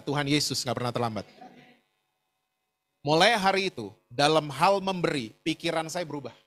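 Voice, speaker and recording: A man's voice: on the high side, fairly bright tone. A middle-aged man preaching a sermon, telling a personal story with frequent asides to the congregation. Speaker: pastor.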